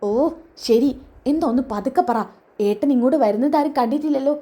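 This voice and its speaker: A woman's voice: sits high, fairly quick, dark tone, close to an everyday voice. A woman voicing a cautious, nervous young adult daughter who keeps her voice down, in a retold serial story. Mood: anxious.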